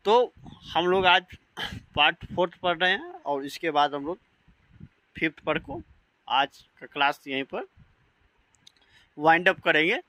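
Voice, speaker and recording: A man's voice: fairly high pitch, expressive, measured pace, long pauses, sharp tone, no echo, low-quality recording. A man teaching English vocabulary in an online lesson, spelling words out letter by letter and often checking that his students follow.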